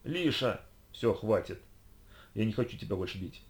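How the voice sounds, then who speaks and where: Male narrator as icy young woman interrogator, commanding, low pitched. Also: expressive, moderate pace, vocal fry. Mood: weary contempt.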